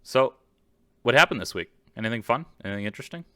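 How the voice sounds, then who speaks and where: A male podcast co-host talks quickly with lively intonation in a sharp, clean, mid-range voice. He chats casually over a video call microphone, joking and swearing freely, and the studio sound is clean with no room sound.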